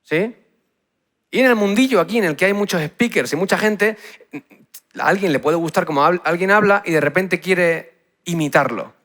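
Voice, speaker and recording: Guy from spain giving a youth talk, kinda high voice, punchy, keeps asking the crowd "right?". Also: normal speed, fairly bright tone. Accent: Spain Spanish. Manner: punchy, asks the crowd "¿sí?" over and over. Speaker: youth speaker. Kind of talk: energetic youth talk to a live audience.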